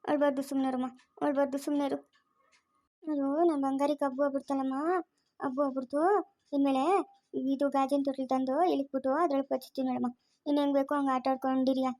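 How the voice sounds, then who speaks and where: A woman playing a worried young mother who soothes her baby and pleads softly, with a rural Chikkaballapur Kannada accent. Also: high voice, completely flat delivery, fast, close to an everyday voice. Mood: soothing. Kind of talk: family drama acting.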